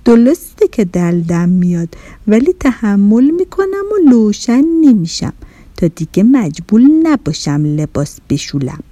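A woman's voice: medium pitch, very animated, dark tone, no room sound. Woman doing a lisping, sulky washing machine. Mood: stubborn. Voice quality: childlike mispronunciations, lisping. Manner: stubborn, whiny. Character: sulky lazy washing machine with a childish lisp.

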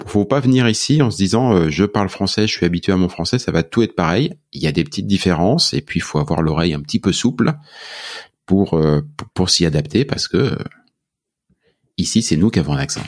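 A man from France with a French accent, co-hosting a relaxed chat and repeating words as he starts. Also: low voice, normal speed. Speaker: podcast co-host. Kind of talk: casual conversation.

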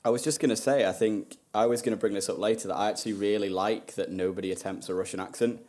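A man's voice: lowish voice, steady tone, quick pace, a little mellow. A man talking casually about a film, thoughtful and with frequent ums. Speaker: podcast guest.

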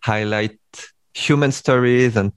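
A man's voice: medium pitch, steady tone, unhurried, clear, resonant tone, dry recording. A man with a Vietnamese accent hosting a casual interview, talking with many fillers and restarts. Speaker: podcast host interviewer.

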